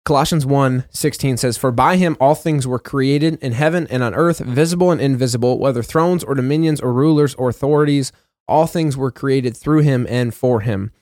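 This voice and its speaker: A man at a middle pitch, co-hosting a relaxed Bible study chat. He reads verses aloud and then talks them through plainly, with the odd "uh" and quick self-correction. The sound is close and dry, with no room around it. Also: no room sound. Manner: conversational, reads scripture passages aloud with fillers and self-corrections. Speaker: co-host of a Bible discussion. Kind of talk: casual Bible study discussion.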